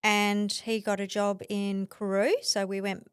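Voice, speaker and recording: A middle-aged Australian woman telling her story as a podcast guest, animated, laughing often and acting out what others said. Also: mid-range voice, measured pace, smooth, no echo. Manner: animated, acts out quoted voices, laughs often. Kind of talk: conversational storytelling.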